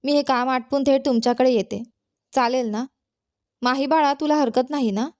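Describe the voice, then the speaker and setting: A woman voicing a tender, worried young mother, speaking gently in a storybook reading. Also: high voice, steady tone, normal speed, lightly acted. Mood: earnest. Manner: gentle, soothing.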